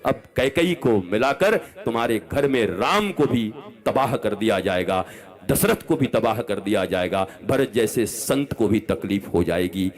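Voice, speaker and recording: A man in his fifties giving an impassioned religious discourse as a spiritual preacher, scolding and swinging between loud outbursts and soft asides to a large gathering. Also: fairly low pitch, expressive, measured pace. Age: 50s.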